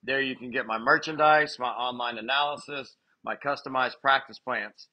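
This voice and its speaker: A man's voice: medium pitch, highs cut off. A man, a baseball hitting coach, chatting as a podcast guest and telling stories with laughs. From Texas. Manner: laughing storyteller, quick and animated. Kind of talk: casual podcast chat.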